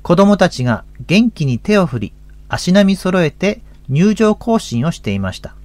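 A man's voice: sits high, big pitch swings, normal speed, a little mellow, no room sound. A man in his fifties with a Tohoku accent, a pastor hosting a religious radio talk in a folksy, chatty way. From Akita, Japan. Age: 50s.

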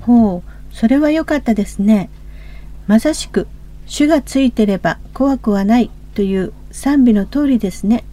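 Kansai lady co-host, gentle, slightly high but warm sounding. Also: moderate pace. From Hyogo, Japan. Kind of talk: religious radio talk.

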